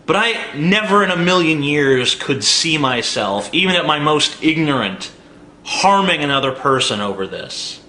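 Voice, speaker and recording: A man's voice: a little high, big pitch swings, moderate pace, sharp tone, reverberant, slight background noise. A man in his twenties delivering an angry, profane commentary rant full of sarcastic rhetorical questions. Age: 20s. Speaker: video blogger.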